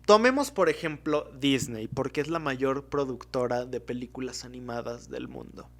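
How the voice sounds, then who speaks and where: A man's voice: mid-range voice, normal speed, fairly bright tone. A man with a Mexican Spanish accent hosting a casual solo podcast, rambling and often stopping to correct himself. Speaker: podcast host.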